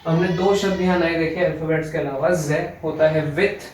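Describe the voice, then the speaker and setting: A young man teaching an online language lesson, explaining step by step and repeating each word slowly. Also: a little high, steady tone, a little mellow, slight background noise. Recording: echoey room, voice from a distance.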